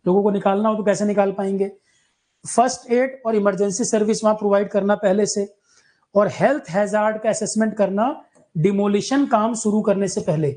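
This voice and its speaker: A man's voice: sits high, mellow. A man teaching an exam-prep lecture in Hindi, explaining points through everyday examples and talking directly to his students.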